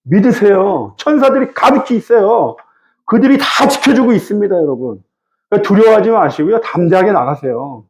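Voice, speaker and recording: A man's voice: high-pitched, big pitch swings, fairly quick, darkish tone. A male pastor preaching a Wednesday evening sermon, teaching verse by verse and speaking directly to the congregation. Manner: conversational, addresses the congregation directly.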